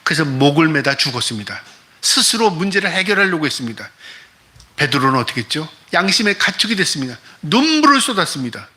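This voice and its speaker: A man's voice: on the high side, very animated, fast, pushed and bright. A man preaching as a pastor, delivering an emphatic sermon full of rhetorical questions to the congregation.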